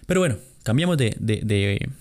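A man's voice: on the low side, lively intonation, moderate pace, darkish tone. Rambling Costa Rican man telling a story. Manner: rambling, profane, chuckling asides. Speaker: podcast host. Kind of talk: casual storytelling monologue.

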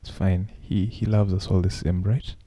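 A man co-hosting a podcast in casual chat, putting on a hushed, low late-night voice in a playful way. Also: steady tone, moderate pace, dry recording. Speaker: podcast co-host.

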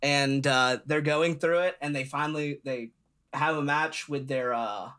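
A young man guesting on a podcast, recounting a story in a loose, rambling way with lots of ums and likes. His voice is a touch high and bright with a forceful edge. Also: fairly even intonation, measured pace. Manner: rambling retelling with many fillers. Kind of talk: casual chat.

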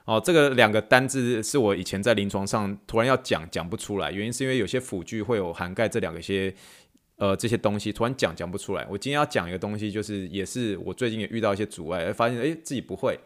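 A physical therapist with a Taiwanese Mandarin accent hosts a casual podcast lesson in a lowish voice, speaking fast. He's chatty and repeats words, slipping English terms into his speech and spelling them out letter by letter.

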